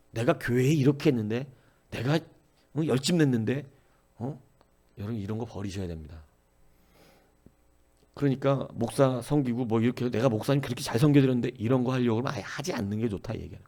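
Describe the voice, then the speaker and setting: Male pastor at a dawn sermon, gravelly voice, earnest, keeps calling out to the people. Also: mid-range voice, mellow. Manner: earnest, exhorting, repeatedly addresses the congregation.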